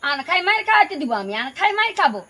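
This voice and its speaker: A woman's voice: very high voice, very animated, very fast, heavily acted. A woman playing a harsh scolding stepmother. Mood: defiant. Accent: Purulia Bengali dialect. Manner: sharp, scolding, quarrelsome. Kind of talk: village home drama acting.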